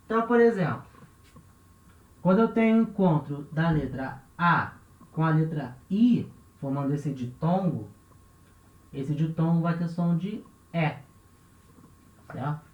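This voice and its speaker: Brazilian male teacher, slow and patient, repeats every word, echoey dull room sound. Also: a little high, expressive. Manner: patient, repeats each example word, constant "né?" checks. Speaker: language teacher. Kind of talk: classroom-style language lesson. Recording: roomy, dull lo-fi recording.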